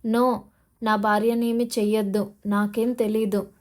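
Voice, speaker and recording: A woman's voice: mid-range voice, level tone, a little slow, darkish tone, natural voice. A woman narrator voicing a desperate male police officer who is pleading and defiant, in an audio novel.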